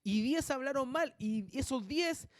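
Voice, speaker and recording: A male pastor preaching a sermon, with animated delivery and muttered asides that mimic gossip. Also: extremely high pitch, measured pace, no room sound, clean studio sound.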